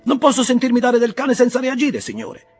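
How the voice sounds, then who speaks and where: A man voicing an excitable, hot-headed ship's mate who protests in loud, agitated bursts. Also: sits high, moderate pace, gravelly, soft background music, voice pushed up, full character voice. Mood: indignant.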